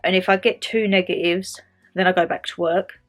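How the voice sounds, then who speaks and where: A young woman speaks at normal speed in a lowish, steady voice, chatting casually to camera from home. Stuffed up with a cold, she sounds a bit nasal, and she rambles a little, repeating phrases as she goes.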